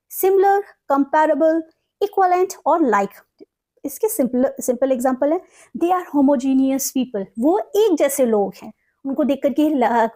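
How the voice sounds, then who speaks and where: High-voiced Indian woman teaching vocabulary. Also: warm tone. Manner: mixes Hindi explanation with slow, carefully read English examples. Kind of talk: explaining word meanings in a lesson.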